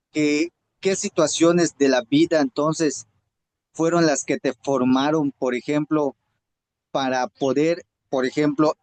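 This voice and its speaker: A man's voice: on the high side, a little mellow, no room sound, poor audio. Emphatic Yucatecan Mexican man. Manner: repeats and restarts words, rising to emphatic bursts. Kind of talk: motivational group talk.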